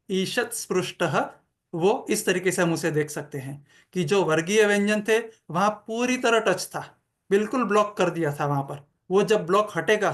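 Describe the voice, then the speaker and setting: A woman teaching Sanskrit pronunciation in an explanatory lecture, speaking slowly and deliberately and demonstrating sounds by repeating them. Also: mid-range voice.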